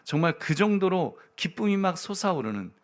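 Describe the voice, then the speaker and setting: A male pastor preaching a Sunday sermon in a conversational way, often addressing the congregation, moving between quiet asides and loud emphatic lines. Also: high-pitched, sing-song, moderate pace.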